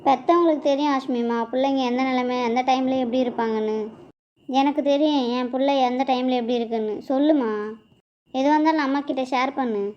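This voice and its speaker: Brief: gentle, caring mother voiced by a woman, high-pitched, amateur audio drama on a lo-fi recording. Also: fairly even intonation, a little fast, close to an everyday voice. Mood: tender. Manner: tender, patient, coaxing. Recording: dull, lo-fi recording.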